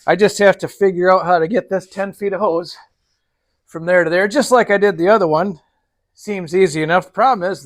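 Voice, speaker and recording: A man narrating casually to his viewers while he works on a tractor in his barn, in a folksy, easygoing way. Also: sits high. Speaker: DIY tractor mechanic.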